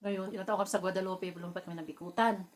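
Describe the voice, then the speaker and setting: A woman from the Philippines chatting casually while eating, telling family stories with frequent laughter and lively bursts. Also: mid-range voice, fast. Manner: laughs often, animated when telling anecdotes. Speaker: vlogger.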